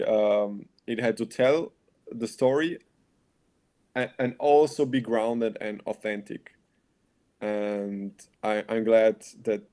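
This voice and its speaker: A young man, a film director raised in Austria whose first language is Bulgarian, answers audience questions at a festival. His voice sits a little low. He speaks in a halting, reflective way and laughs lightly between thoughts. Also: dark tone.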